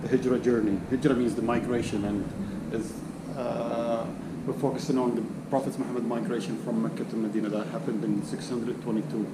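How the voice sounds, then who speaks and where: A man from Saudi Arabia, a curator, explaining an exhibit on a tour in a halting, earnest way with many fillers. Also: medium pitch, little pitch movement. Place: museum exhibition hall, indoors. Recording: echoey hall with loud hum.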